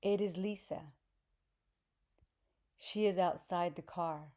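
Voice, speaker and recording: Woman reading an easy reader book, lowish voice, super slow and deliberate. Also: warm tone. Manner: deliberate, plain phrasing. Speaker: audiobook narrator. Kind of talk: slow, simple story narration.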